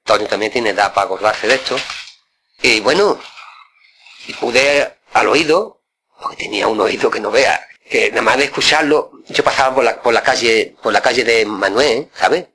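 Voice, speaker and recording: Older guy rambling on, stutters repeats, keeps asking "right?", bright tone. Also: mid-range voice, moderate pace, slight background noise. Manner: rambling, repeats words, frequent tag questions. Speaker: interviewee, flamenco guitarist. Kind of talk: casual reminiscing.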